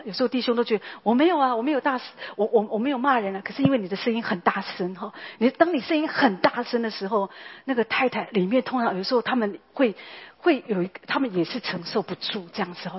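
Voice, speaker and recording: A woman's voice: medium pitch, breathy edge, muffled recording. A woman, a pastor's wife preaching a sermon in a chatty way, full of tag particles and fillers.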